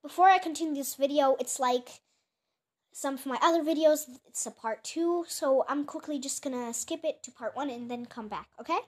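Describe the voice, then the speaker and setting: A woman's voice: high voice, normal speed, heavy background noise. A female creator chatting casually while reacting to her own old clips, chatty and self-mocking. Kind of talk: casual chat.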